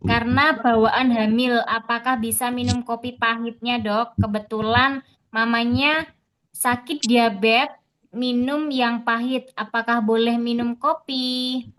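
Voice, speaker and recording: A woman moderator reads out audience questions politely and at a measured pace. Her voice sits fairly high. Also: fairly even intonation, fairly bright tone, poor audio. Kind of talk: reading questions aloud.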